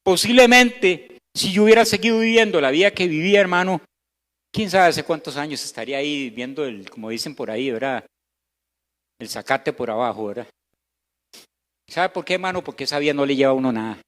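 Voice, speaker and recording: A man with a Costa Rican Spanish accent preaching a sermon as pastor, swinging between loud emphasis and hushed, slow passages. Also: on the high side, animated. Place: church hall. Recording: echoey church hall.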